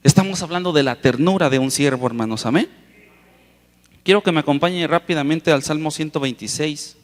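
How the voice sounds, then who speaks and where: A man preaching a sermon to a congregation, impassioned, repeatedly calling them "brother" and drawing out key words for emphasis. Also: a little high. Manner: impassioned, keeps addressing the congregation as "hermano"; stretches key words slowly for emphasis, with sudden loud rises. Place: large auditorium with long reverb. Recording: reverberant hall sound.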